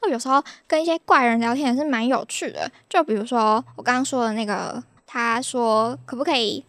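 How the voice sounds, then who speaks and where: A woman's voice: a little high, brisk, a bit bright, no echo, studio quality. A young woman from Taiwan with a Taiwanese Mandarin accent, hosting a podcast in a chatty, exasperated storytelling way. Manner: chatty, exasperated, laughs at her own stories. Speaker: podcast host.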